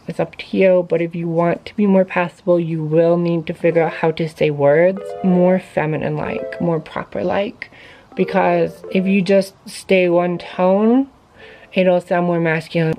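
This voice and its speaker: A woman chats casually to camera in a slightly low voice, loose and informal, with many fillers. The recording is dull and lo-fi, with faint music underneath. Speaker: vlogger sharing voice tips.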